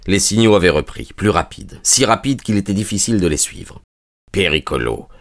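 A man narrating an audiobook in a measured storytelling manner. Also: fairly low pitch, no room sound, studio quality.

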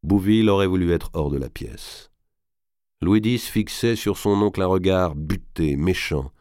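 Male narrator, deep and dry, measured storytelling for a historical audiobook. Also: darkish tone, no room sound. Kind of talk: scripted narration.

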